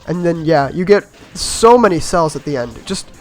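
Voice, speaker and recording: Speaking at normal speed with an expressive delivery, this gameplay commentator has a somewhat high voice roughened a bit by a cold. He narrates his run loosely and easygoingly, chuckling at his own mistakes while quiet game music plays.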